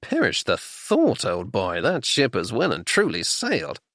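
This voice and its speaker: A man voicing an exasperated young gentleman who speaks in a dry, mocking, clipped way. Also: medium pitch, huge pitch swings, measured pace, no echo, full character voice. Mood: dismissive. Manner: sardonic, clipped.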